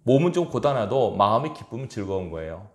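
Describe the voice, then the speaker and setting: A man's voice: fairly low pitch, sing-song, quick pace. A male pastor preaching a fervent, emphatic sermon in a church sanctuary. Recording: roomy church echo.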